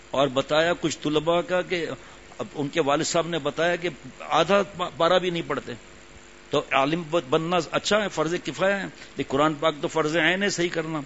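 Older man preaching, muffled and slightly high. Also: a bit bright. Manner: conversational, repeats phrases for emphasis. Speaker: religious teacher. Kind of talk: sermon. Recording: muffled lo-fi recording with faint hum.

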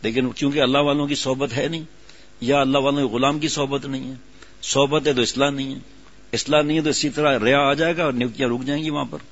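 Guy giving a sermon, husky voice, dull muffled recording. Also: medium pitch, fairly even intonation. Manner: storytelling, rising to emphatic exhortation. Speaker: religious preacher. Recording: dull lo-fi sound.

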